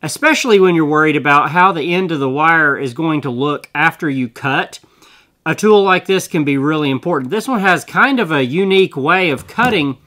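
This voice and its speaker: A man's voice: a little high, sharp tone. A middle-aged man casually explaining and demonstrating a tool in a small indoor studio, chatty and folksy. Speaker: tool reviewer. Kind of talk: casual product demo.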